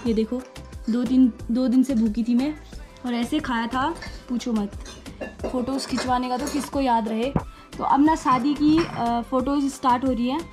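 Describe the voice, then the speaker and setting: A young woman from the Uttarakhand hills, chatting playfully and teasingly as she narrates her wedding photos. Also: high voice. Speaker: vlogger, bride. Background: faint background music.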